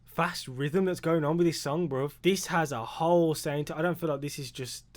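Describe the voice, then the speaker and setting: A young British man hosting a casual music reaction video, excitable and slangy, with sudden loud exclamations. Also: on the high side, moderate pace. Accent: British English.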